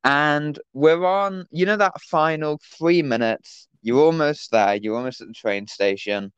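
A man's voice: a little high, measured pace, clean tone, no room sound, muffled recording. A teenage man, co-hosting a casual podcast and telling a rambling anecdote with lots of fillers over an online call. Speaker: podcast co-host. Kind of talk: casual chat, storytelling.

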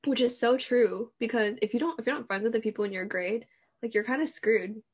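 Breathy teenage girl chatting. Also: a little high, a little fast, a little mellow. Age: teens. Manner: laid-back, lots of fillers. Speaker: student in group chat. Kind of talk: casual chat.

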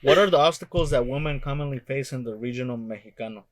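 A man's voice: medium pitch, fairly quick. A man hosting an interview, asking questions and chiming in casually in a mix of Spanish and English. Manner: chimes in, mixing Spanish and English. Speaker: interview host.

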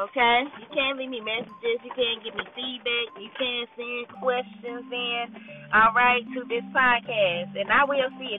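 Woman podcast host, laid-back devotional chat, keeps saying okay, sounds like a phone line. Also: medium pitch. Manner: chatty, repeats "okay?" and "all right?", laughs often. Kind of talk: casual morning devotional podcast. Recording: tinny phone-like line with faint music.

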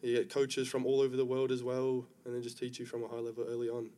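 A young man from Africa speaks. He answers questions in a relaxed, easygoing way, with his pitch held level and unvaried. He sounds calm and unhurried. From South Africa. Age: young adult. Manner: relaxed, easygoing, many fillers. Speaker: guest rugby player. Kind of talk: casual interview chat.

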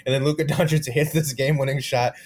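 Brief: young male comedian, podcast co-host, mid-range voice, animated storyteller with a foul mouth. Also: medium pitch, quick pace, husky. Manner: animated storytelling, swears often. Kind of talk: casual chat.

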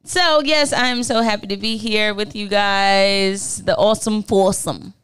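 A woman hosting a church podcast in a lively casual chat, bubbly, teasing and often laughing, with a live audience in the room. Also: mid-range voice, a little slow, clear, resonant tone. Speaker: podcast host.

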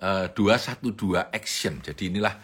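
A man giving a motivational talk, telling stories with lively acted-out voices. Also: normal speed, husky. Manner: animated storytelling, jumps high when acting out voices. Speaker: motivational speaker.

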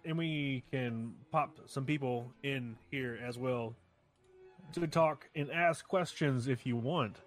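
Male stream co-host, mid-pitched, casual, folksy and sweary, music in the background. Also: slow pace. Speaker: live stream co-host and interviewer. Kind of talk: casual live stream banter. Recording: music behind the voice.

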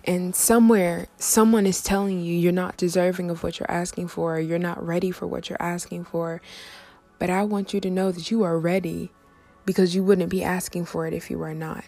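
A woman giving an intimate, encouraging motivational monologue as a host, in a soft, breathy, deliberate way that sometimes drops toward a whisper. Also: fairly low pitch, fairly even intonation, soft background music. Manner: affirming, encouraging, slow and deliberate phrasing.

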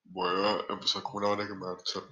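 A young man speaks hesitantly in a friends' chat, a bit self-conscious. His voice is very low and monotone, with a bright, sharp edge to the tone. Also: quick pace. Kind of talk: casual chat among friends.

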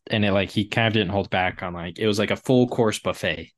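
A man's voice: fairly low pitch, brisk, no echo, clean studio sound. A man co-hosting a casual book discussion podcast, rambling with lots of "like" fillers. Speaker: podcast co-host.

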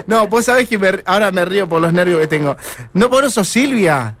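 A man's voice: high voice, fairly bright tone. An Argentine man doing a prank phone call, feigning fluster and apologizing a lot. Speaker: radio prank caller.

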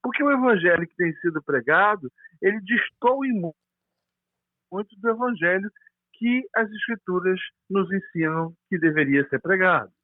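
A pastor with a Brazilian Portuguese accent speaks over a tinny, dry phone line, discussing theology on a call. His high-pitched voice is animated and moves at normal speed, and he explains things earnestly while often hesitating and restarting.

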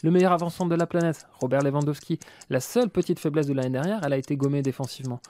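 Quick-talking guy doing football stories, dark mellow voice, kinda higher pitched. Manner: punchy, storytelling. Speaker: football pundit. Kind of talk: scripted narration and argument.

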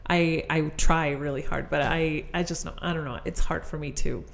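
A woman from Chile talks as a guest in a relaxed interview. She is modest and halting, often restarting her sentences, in a slightly low voice. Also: vocal fry. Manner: modest, halting, self-deprecating. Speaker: guest photographer. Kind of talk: casual interview.

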